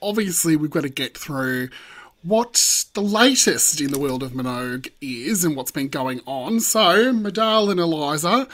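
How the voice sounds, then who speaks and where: A man's voice: on the high side, measured pace, fairly bright tone. A man hosting a podcast in casual chat, greeting listeners in a theatrical, affectionate way. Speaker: podcast host.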